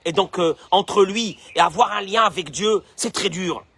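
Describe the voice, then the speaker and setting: In a dry recording, a man with a high, fairly bright voice and a breathy edge teaches Torah at normal speed, quoting Hebrew as he goes. This rabbi voices the complainers he talks about. Rhetorical questions come again and again, along with repeated phrases.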